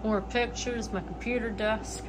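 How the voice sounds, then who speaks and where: In her twenties and from the eastern United States, this vlogger gives a casual tour of her small manufactured home, plain and matter-of-fact, listing things as she walks. Her voice is a little high at a measured pace. The phone camera audio, front-facing then walking, carries a steady household hum indoors.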